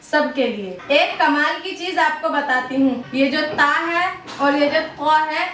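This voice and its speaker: A high-pitched woman teaches Arabic letter sounds in a patient lesson. She stretches out slow example pronunciations between explanations. Her voice sounds set back from the mic in a roomy, echoing space. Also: a bit bright, distant mic. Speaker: Quran recitation teacher.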